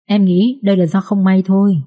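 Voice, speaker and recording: A calm, fair-minded older concubine pleads for reason in a measured, level voice, as a woman reading the story puts her on. The tone stays mellow and warm even when she rebukes someone. She sounds steady and unhurried. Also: medium pitch, highs cut off, lightly acted. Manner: measured, reasoning, then sharply scolding.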